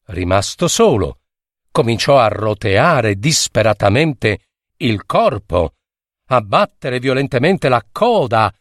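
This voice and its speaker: A man narrating a myth in a measured, expressive storytelling style. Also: mid-range voice, no echo, studio quality. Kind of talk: scripted storytelling.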